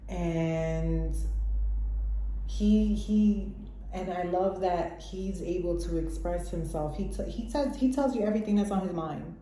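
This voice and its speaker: A mother offers casual motivational life advice in a vlog, talking candidly with slang and laughing often. Her lowish voice is warm at a measured pace. The recording has a roomy echo and a little hiss or hum.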